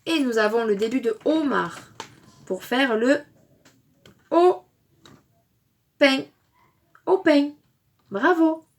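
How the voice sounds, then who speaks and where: A woman teaching a phonics lesson to young children, speaking slowly and deliberately, stressing each syllable loudly and praising the listener. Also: on the high side, lively intonation, slight background noise. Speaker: kindergarten teacher.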